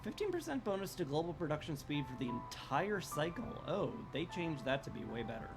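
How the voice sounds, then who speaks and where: A man with a hoarse, smoker-like rasp giving casual, rambling live commentary as a video game streamer, with a wry, self-deprecating way of talking. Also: a little high, big pitch swings, a little fast. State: strained, hoarse throat. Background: music.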